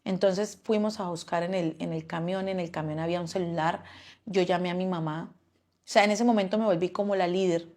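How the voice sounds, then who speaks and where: A woman's voice: lowish voice, fairly even intonation, fairly quick, a little mellow. A woman giving a personal testimony, often stopping and repeating words as she recounts events.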